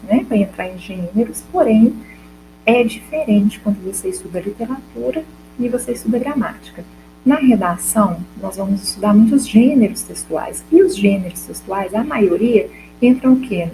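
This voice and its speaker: A woman's voice: on the high side, background noise. A Brazilian Portuguese-speaking woman teacher giving a recorded class lesson, explaining step by step and asking the class questions she then answers herself. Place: classroom or home for a school video lesson.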